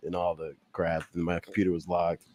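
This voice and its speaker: A man's voice: low voice, little pitch movement, fairly quick, crowd noise. A man who runs the podcast studio, talking in a laid-back, slightly defensive way and chuckling often. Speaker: podcast host handling the studio. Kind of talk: casual podcast banter.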